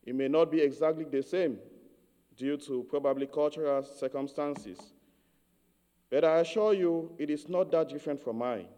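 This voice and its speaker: A man from Cameroon giving a measured, earnest homily as a priest. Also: a little high, mellow, big-room sound.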